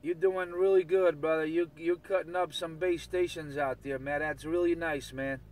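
A man on CB radio, his voice fairly high and a little mellow, bantering in slang and repeating his catchphrases endlessly. Intonation stays fairly even and the pace moderate, while the distant transmission carries outdoor vehicle sound.

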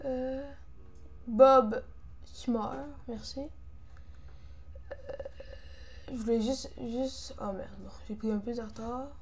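A woman's voice: a little high, fairly even intonation, slow pace, pauses often, slight background noise. A young woman with a Quebec French accent doing casual gaming commentary, frustrated, grumbling and swearing as she plays. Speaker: gamer, video creator.

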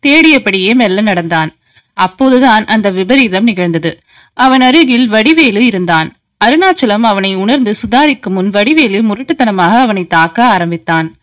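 A woman's voice: mid-range voice, expressive, normal speed, a bit bright, no room sound, clean studio sound. A woman reading a suspense novel aloud as an audiobook, dramatically voicing every character in the dialogue. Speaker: audiobook narrator. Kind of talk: scripted novel narration with acted dialogue.

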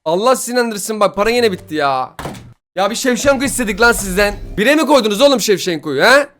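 A young man with a high, lively voice talks fast over gameplay. He begs, grumbles and complains about his luck, and his tone is bright. Music plays faintly behind him. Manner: swings from pleading to loud frustration. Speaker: gaming YouTuber opening player packs. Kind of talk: excited gameplay commentary.

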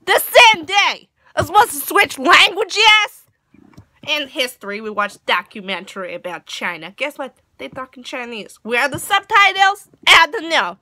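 A woman's voice: sits high, no room sound. A teenage girl voicing an exasperated girl with a thick fake Russian accent, doing a comedic rant with broken grammar. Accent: put-on Russian. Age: teens. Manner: loud mock-serious ranting, broken grammar.

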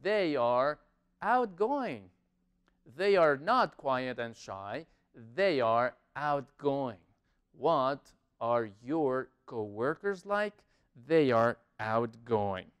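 With a mid-range, smooth and animated voice, this man leads an online English class for Spanish speakers. Slow, repeated drills of words and model sentences alternate with brisker explanations.

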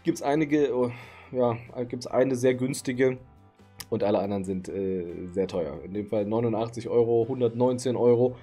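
A man in his thirties chats to camera about the card market from his home streaming room late at night, and his voice sounds tired. He speaks warmly at medium pitch and a moderate pace with faint music behind him, staying easygoing and peppering his talk with fillers.

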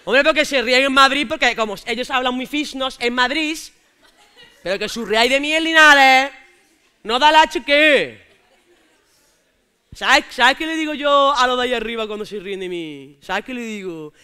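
A woman playing a cocky young Andalusian man from Jaén who heckles loudly from the audience, calling out to the teacher. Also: sits high, animated, normal speed, smooth. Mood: defiant. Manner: brash, indignant, keeps calling out "maestra". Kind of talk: stand-up character sketch on stage.

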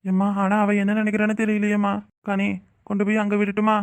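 A woman's voice: medium pitch, completely flat delivery, fast, natural voice. A woman voicing a worried young husband in a cartoon, pleading and anxious, with a southern Tamil Nadu accent. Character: worried young husband torn between work and wife. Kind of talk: cartoon voice acting.

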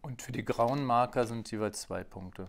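A man's voice: medium pitch, moderate pace, vocal fry. A man co-hosting a board game video, talking casually through his turn and counting cards under his breath. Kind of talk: casual let's play commentary.

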